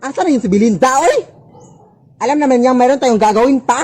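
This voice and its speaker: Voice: high voice, lively intonation, fast, a little mellow. Skit comedian doing over-the-top scolding bits, music playing behind. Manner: bickering, exaggerated scolding. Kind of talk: comedic skit acting, playing several characters.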